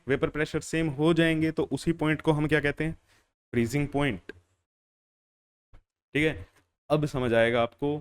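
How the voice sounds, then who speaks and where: Questioning male chemistry teacher, clear voice. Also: on the high side. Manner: asks questions and answers them himself, repeats key phrases; calls students "beta" and "bhaiya". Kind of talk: classroom lecture.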